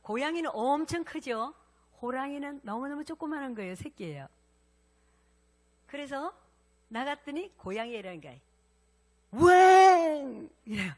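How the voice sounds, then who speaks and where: A woman pastor preaches with animated, lively intonation, pitched fairly high for a woman. She talks to her congregation directly, asking questions and prompting them to respond. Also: moderate pace, long pauses. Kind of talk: sermon.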